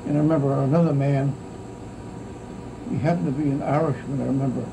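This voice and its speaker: In a casual oral-history reminiscence, a very old American man, around his 90s or older, remembers being a child in wartime. Speaking in a creaky, aged mid-range voice, he rambles with pauses and often ends thoughts with "see," while a noisy, insect-like hum drones steadily behind him.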